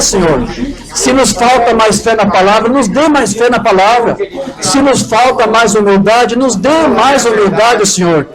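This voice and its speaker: A man's voice: extremely high pitch, low-quality recording. A Brazilian man with a Brazilian Portuguese accent preaching a sermon and leading a prayer, fervently calling for amens from the congregation. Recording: soft music under the voice.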